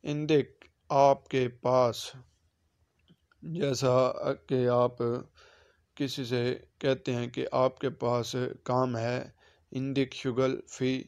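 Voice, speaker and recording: A man teaching Arabic vocabulary to Urdu speakers in a casual lesson, repeating each word slowly with its meaning. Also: medium pitch, a little mellow, clean tone, no room sound.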